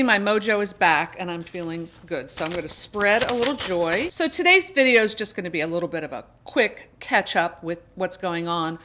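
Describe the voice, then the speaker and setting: A middle-aged woman who reviews books and hosts videos chats casually with her viewers, rambling along with emphatic turns of phrase. Her voice is mid-range and a bit bright.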